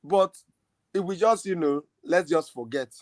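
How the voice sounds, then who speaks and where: In studio-quality audio with no room sound, a football fan podcast host argues passionately, his voice on the high side and a little slow. It's a casual, heated debate, and his delivery is emphatic and argumentative.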